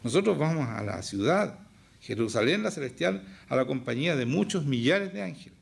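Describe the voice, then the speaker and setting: A man's voice: fairly high pitch, expressive, fairly quick, creaky, breathy edge. A man with a Chilean accent preaching a sermon as pastor, emphatic and often firing questions at the congregation. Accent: Chilean Spanish.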